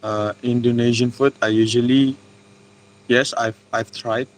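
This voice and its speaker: A man's voice: medium pitch, level tone, a little slow, a little hiss or hum, low-quality recording. Young man from Malaysia, plain answers. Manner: plain, with hesitations and restarts. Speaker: interviewee. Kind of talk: casual interview answers.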